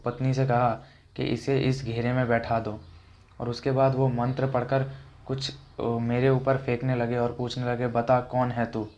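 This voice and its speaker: Flat-voiced man reading a ghost account. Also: medium pitch, measured pace, highs cut off. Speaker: storyteller of a first-person ghost account. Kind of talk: scripted first-person narration.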